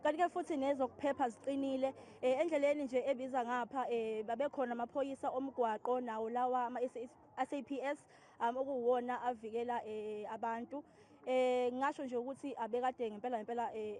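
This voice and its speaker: A woman with a Zulu accent reporting live and interviewing as a field news reporter, often pausing on fillers. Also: fairly high pitch, fairly even intonation, warm tone.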